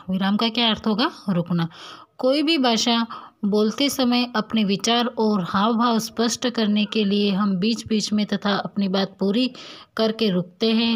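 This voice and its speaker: एक शिक्षिका बच्चों को पाठ पढ़ाती है, खुद सवाल पूछकर खुद ही जवाब देती है।. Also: female voice, mid-range voice. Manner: asks questions and answers them herself, explaining patiently. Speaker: school teacher. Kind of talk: recorded classroom lesson.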